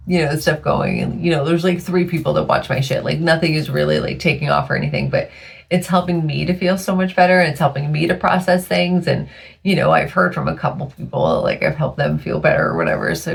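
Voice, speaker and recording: A woman with a deep voice and vocal fry hosts her own podcast, delivering a casual monologue. She's chatty and tired, laughs a lot, and is losing her voice.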